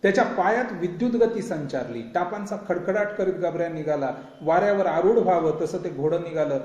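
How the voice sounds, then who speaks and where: A man's voice: fairly high pitch, mellow. A man giving a vivid, dramatic reading of a novel, in a roomy, dull lo-fi recording. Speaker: reader.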